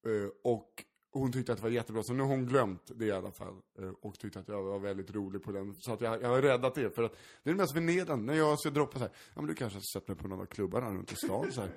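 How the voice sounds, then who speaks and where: A man's voice: fairly low pitch, few pauses. En man som berättar en pinsam anekdot i ett avslappnat samtal, skrattar ofta, svär och spelar upp röster. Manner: animated, acts out voices in anecdotes, swears freely; laughs often while talking. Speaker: stand-up comedian, podcast co-host. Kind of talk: casual storytelling chat.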